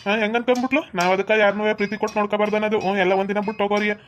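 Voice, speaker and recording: A woman with a North Karnataka Kannada accent voicing a cartoon parent, talking in a flat, hurried way. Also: medium pitch, highs cut off, slight background noise. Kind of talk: cartoon voice acting.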